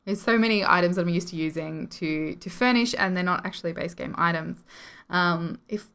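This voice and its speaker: A woman's voice: fairly low pitch, moderate pace, a bit bright, clean tone. A young Australian woman giving casual, rambling commentary over a building game at home, apologetic and self-deprecating, with frequent giggles. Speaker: video game building channel host. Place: home room.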